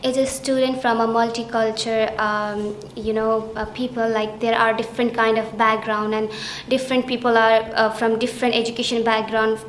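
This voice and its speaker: Young woman from Nepal, student testimonial, very flat monotone, slightly high voice, hesitant with fillers, echoey room. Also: normal speed, a little hiss or hum. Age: young adult. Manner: hesitant, many fillers, flat steady delivery. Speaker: international student. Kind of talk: testimonial interview answers. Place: small indoor study room. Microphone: camera at chest framing. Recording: roomy indoor echo, faint ambience.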